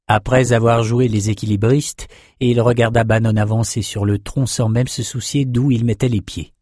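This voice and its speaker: Male narrator, fantasy audiobook, measured delivery, dry close sound. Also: mid-range voice, fairly even intonation, darkish tone, no echo. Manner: measured storytelling.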